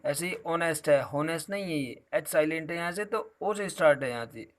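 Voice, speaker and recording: A male teacher walks his students through a grammar lesson. His voice sits a little on the high side, and he explains patiently, slipping in a fond "beta" as he goes. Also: expressive, fairly quick.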